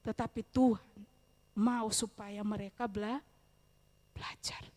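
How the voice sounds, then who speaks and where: A woman evangelist giving a church sermon, lively, with loud rising questions and quiet asides. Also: on the high side, measured pace. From eastern Indonesia. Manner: addresses listeners as "saudara", speaks with humor. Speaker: evangelist preacher. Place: church service.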